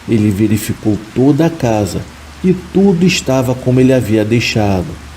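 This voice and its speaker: A man reading a horror story aloud in a calm, measured scripted narration. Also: medium pitch, a little hiss or hum, rough recording.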